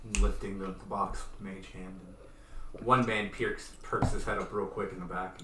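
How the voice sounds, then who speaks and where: A man runs a tabletop game with a low voice and offhand narration. He sits away from the mic in an echoey room. Steady noise runs behind him. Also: normal speed, far from the mic. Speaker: game master.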